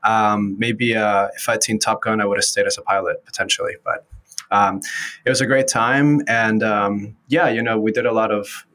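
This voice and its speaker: A low-voiced man from Venezuela, speaking English as a second language in a relaxed interview. He is in his thirties and keeps pausing on fillers and restarting his sentences. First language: Spanish. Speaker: guest, startup founder. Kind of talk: casual interview talk.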